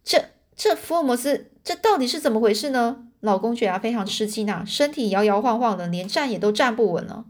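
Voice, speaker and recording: Woman storyteller, casual chatty retelling, filler particles, slightly high voice. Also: expressive, a little fast.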